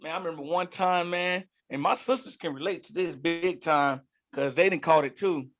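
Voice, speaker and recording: A man co-hosting a casual podcast chat, telling animated, profane stories and laughing often. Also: fairly high pitch, normal speed. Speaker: podcast co-host.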